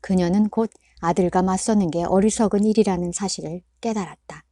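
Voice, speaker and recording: Woman audiobook reader, mellow and dry, calm measured delivery. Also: medium pitch, dry recording. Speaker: book reader. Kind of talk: audiobook narration.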